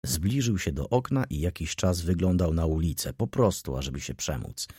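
A man narrating a classic novel in an expressive, lively storytelling manner. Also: deep voice, moderate pace, husky, no room sound, studio quality. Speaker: audiobook reader.

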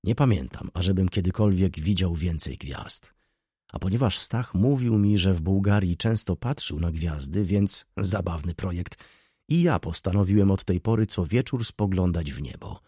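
A man narrating a classic novel as an audiobook in a measured, expressive reading. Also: low-pitched, husky, dry recording, clean studio sound.

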